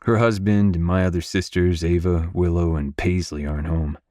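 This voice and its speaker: Deep-voiced male audiobook narrator. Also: steady tone, normal speed, darkish tone, no room sound, studio quality. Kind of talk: first-person audiobook narration.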